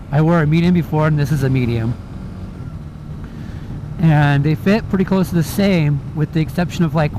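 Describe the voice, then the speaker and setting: A man chatting casually as he gives a spoken gear review from inside a motorcycle helmet while riding. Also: on the high side. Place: outdoors on a moving motorcycle. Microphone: mic inside a helmet. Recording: helmet mic with clear traffic and vehicle noise. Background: vehicle and road noise.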